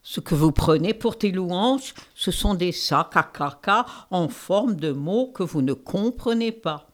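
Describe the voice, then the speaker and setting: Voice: mid-range voice, animated, slow pace. A performer playing a haughty, sardonic queen with a put-on Eastern French accent in a comic sketch. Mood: cutting. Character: haughty, sharp-tongued queen, adult woman.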